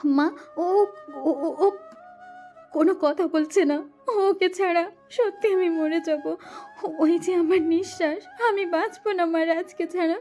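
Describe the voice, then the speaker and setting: A woman playing a tearful, very high-voiced young wife. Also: fairly even intonation, moderate pace, a little mellow, faint music behind. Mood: pleading. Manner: pleading, tearful, stammering. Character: young wife, desperate and heartbroken. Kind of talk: audio story drama.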